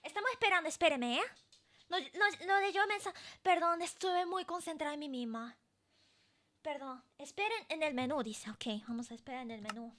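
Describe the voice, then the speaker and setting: A woman streaming a game and chatting casually with her viewers, excitable and laughing often. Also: high voice, normal speed. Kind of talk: casual live-stream chat while gaming.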